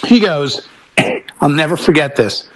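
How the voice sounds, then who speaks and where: A middle-aged man with a fairly high, slightly bright voice and lively intonation speaks slowly as a DJ and talk show panelist. He chats casually, telling anecdotes and acting out the dialogue within them. The recording quality is low.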